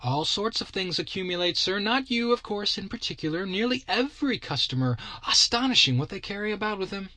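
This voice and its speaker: Brief: suave insinuating shop owner voiced by a man, raised pitch, dry close sound. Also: animated, fairly quick, hardly any pauses, pushed and bright, no room sound. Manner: smooth, insinuating, polite. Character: suave sly male magic shopkeeper.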